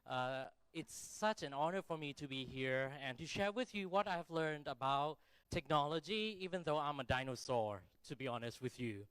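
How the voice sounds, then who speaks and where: A middle-aged man with a Thai accent gives a conversational keynote. His voice sits a little high and is smooth and crisp, with a dry, close sound. He is self-deprecating and often checks in with short rhetorical questions. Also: animated, moderate pace, fairly bright tone, no room sound, low-quality recording. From Thailand. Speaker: keynote speaker. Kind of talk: conference keynote speech, conversational and informal.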